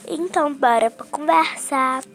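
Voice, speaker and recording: High-voiced, slow-talking Brazilian woman vlogger. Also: fairly bright tone, faint music behind, low-quality recording. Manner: chatty, keeps tagging "tá bom?". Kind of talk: casual screen-recording chat walkthrough. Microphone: phone.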